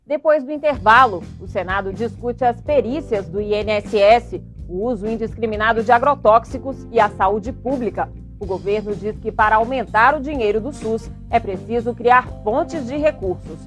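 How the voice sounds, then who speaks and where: A Brazilian woman anchoring a television news bulletin, reading in a measured, formal way. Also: fairly high pitch, faint music behind. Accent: Brazilian Portuguese.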